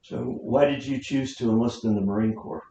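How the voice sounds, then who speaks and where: A man's voice: medium pitch, fairly quick, warm tone. An American man interviewing someone, asking simple questions in turn. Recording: muffled, echoey room, faint noise.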